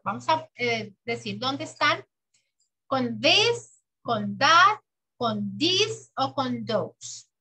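A woman teaching English to children, patiently drilling words slowly and clearly in a bilingual lesson. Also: high voice, bright, forceful tone, poor audio. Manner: patient, exaggerated slow pronunciation for children. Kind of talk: bilingual classroom lesson, slow drilled repetition.

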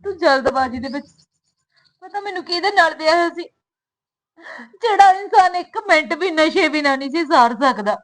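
A distressed young woman, played by an actress, crying and pleading. Her voice is high. This is a rural drama scene. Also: a little fast, long pauses, a bit bright, low-quality recording. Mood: tearful. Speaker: young widowed daughter.

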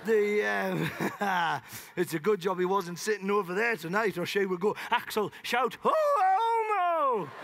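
A man's voice: high-pitched, fairly even intonation, normal speed, gravelly, a bit bright. A male comedian with a Northern English accent doing improvised stand-up on a theatre stage, rambling between tangents and laughing at his own jokes. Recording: live theatre with audience noise.

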